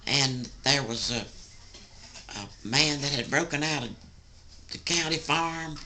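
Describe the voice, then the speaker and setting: An elderly woman with a Southern US accent, a sweet old lady telling family stories in a folksy, rambling, gravelly way. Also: low voice, measured pace, background noise. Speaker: grandmother recounting family stories. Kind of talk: casual oral storytelling.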